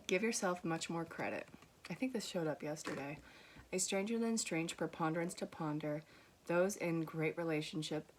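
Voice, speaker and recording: Talking directly to her viewers, a young tarot reader from Vermont offers a casual, reassuring spiritual reading, gently teasing as she reads card messages aloud. Her voice is low, and her accent mixes soft Vermont with New York. A faint hiss of room noise lies beneath her.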